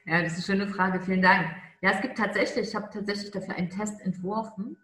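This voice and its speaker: A woman coaching on charisma in a conversational interview, emphatic and stretching key words slowly. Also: medium pitch, steady tone, a bit bright, reverberant.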